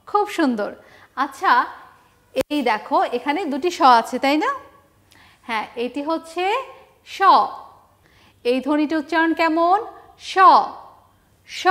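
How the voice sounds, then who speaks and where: A woman with a Bangladeshi Bengali accent teaching a first-grade alphabet lesson, stretching words slowly and prompting children to repeat after her. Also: high voice, a bit bright. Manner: slow, stretched call-and-response drilling of words; encouraging, sing-song prompting of children. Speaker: primary school teacher.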